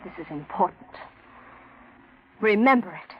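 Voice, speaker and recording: A woman playing a passionate, possessive young woman in a 1940s radio drama, speaking in an intense, theatrical, breathy way. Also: medium pitch, lively intonation, unhurried, a little hiss or hum, lightly acted. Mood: threatening. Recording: dull 1940s radio recording.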